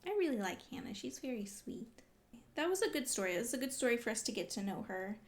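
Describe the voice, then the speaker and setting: Talking fast in a high, very animated voice, a woman vlogs her reactions while reading along. Her commentary is casual, exclamatory, and emotionally invested.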